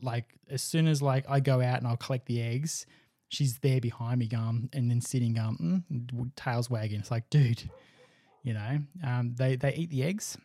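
A man's voice: mid-range voice, normal speed, mellow, no room sound. A young man chatting casually as a podcast co-host, rambling with restarts. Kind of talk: casual chat.

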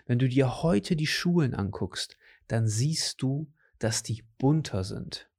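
A man with a mid-pitched voice talks casually in a loose, slangy way. He leans on fillers and keeps checking whether he's understood. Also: slow pace, breathy edge. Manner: relaxed, slangy, lots of fillers and tag questions. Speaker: conversation partner. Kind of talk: casual chat.

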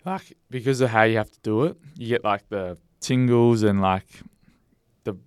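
Man, broad Australian accent, lowish smooth voice, young adult, rambling matey podcast chat. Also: moderate pace, no echo, studio quality. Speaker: podcast co-host.

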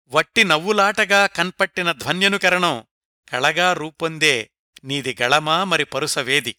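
Guy narrating a life story, bright crisp voice, slows for quotes, super dry sound. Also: on the high side, dry recording. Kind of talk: scripted biographical narration.

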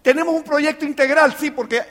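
A man's voice: extremely high pitch, fairly even intonation, brisk, a bit bright. A man giving an emphatic motivational talk to a business audience, firing off rhetorical questions. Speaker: business mentor speaking to a team. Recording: long reverb of a live hall.

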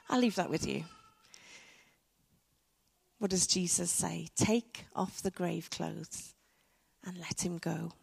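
A woman preaching a sermon to her church, reflective and measured, with soft dramatic pauses. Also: medium pitch. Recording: church hall with long reverb.

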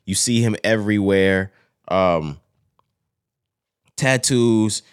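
A man's voice: fairly low pitch, slow, clear, resonant tone, dry recording, studio quality. A man co-hosting casual sports banter in a crude, slangy, profane frat-bro manner, joking around. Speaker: podcast co-host.

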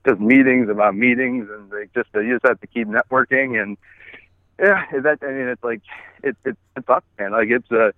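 A man's voice: medium pitch, moderate pace, no echo. A man in his forties calling in by phone while walking his dog, talking casually with many restarts and plenty of swearing. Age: 40s. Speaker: guest app founder. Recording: tinny phone line.

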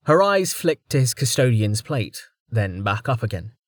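A man reading a fantasy audiobook in a measured, even narration voice on a close mic. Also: mid-range voice, dry recording.

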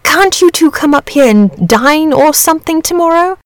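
A woman's voice: mid-range voice, lively intonation, moderate pace, creaky, no echo. A woman voicing an amiable, lazy, bashful male dragon from a storybook, chatty, rambling and genteel. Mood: eager, polite. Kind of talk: storybook character reading.

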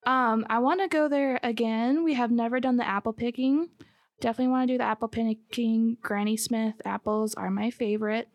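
A woman's voice: a little high, steady tone, a little fast, dry recording. A woman from Michigan with an American accent, chatting casually as a podcast co-host. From Michigan, United States. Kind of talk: casual conversational chat.

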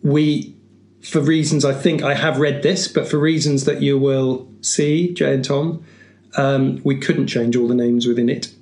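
A man's voice: mid-range voice, steady tone, measured pace, darkish tone. A man hosting a podcast, introducing a listener's speech with a dry, wry manner. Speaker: podcast host. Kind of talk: casual chat.

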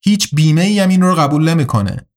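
A man's voice: fairly high pitch, big pitch swings. A man voicing a badly injured young warrior in an audiobook, blunt, sardonic and weary. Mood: bitter. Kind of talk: audiobook character reading.

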